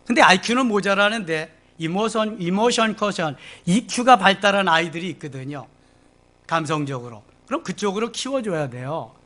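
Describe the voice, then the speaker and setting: A middle-aged man preaching a Sunday sermon as pastor, acting out the disciples and scolding in sudden loud bursts. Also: sits high, animated, normal speed. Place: church sanctuary.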